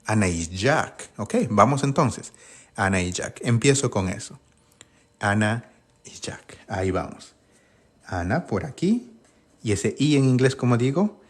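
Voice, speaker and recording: A man teaching an online grammar lesson, asking questions and answering them himself and sounding out English words slowly. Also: fairly low pitch, slightly rough.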